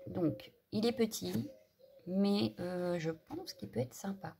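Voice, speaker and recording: A woman's voice: medium pitch, slow, creaky, background noise. A woman chatting casually through a craft haul, hesitant and full of fillers. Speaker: craft vlogger.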